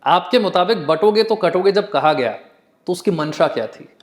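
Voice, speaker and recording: An interviewer, a man with a slightly raised pitch, puts his questions calmly. Between the guest's points he answers with brief affirmations. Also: moderate pace.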